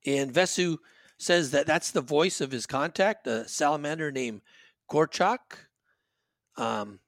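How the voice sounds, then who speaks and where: A man runs a tabletop game as game master, narrating in a loose, rambling way. His voice is on the higher side and the recording is dry and close. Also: animated, measured pace, dry recording. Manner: rambling, with many fillers and restarts.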